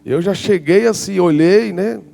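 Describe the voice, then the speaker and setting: Pastor in his forties, male, gravelly and a touch high, tells a story lively in a sermon. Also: unhurried. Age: 40s. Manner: lively storyteller acting out his own past reactions. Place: church conference hall.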